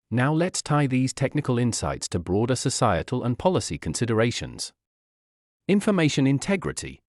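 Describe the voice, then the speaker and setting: A man reading a structured scripted explainer as narrator, in a measured tone. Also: medium pitch, darkish tone, no echo, studio quality.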